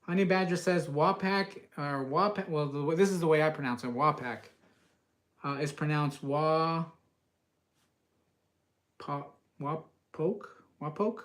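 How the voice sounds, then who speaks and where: Male live-stream cooking host, West Coast, slightly higher voice, loose and chatty with filler words. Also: fairly even intonation, moderate pace, pauses often. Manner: casual, rambling, many uhs, reads viewer comments aloud.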